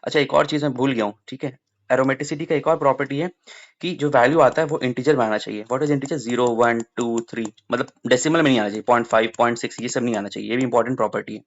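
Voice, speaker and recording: A young man coaching students through exam science questions, moving between Hindi and English and going over each point more than once. His voice sits at an ordinary pitch. The recording sounds a little muffled. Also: fast talker. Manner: lively, mixes Hindi and English, repeats key points.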